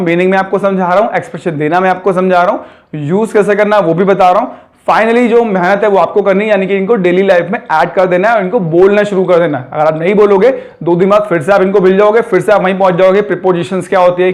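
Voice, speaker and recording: High-voiced man teaching English grammar. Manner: addresses viewers as friends, repeats "theek hai" often; says English examples slowly and clearly. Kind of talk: spoken grammar lesson in Hindi.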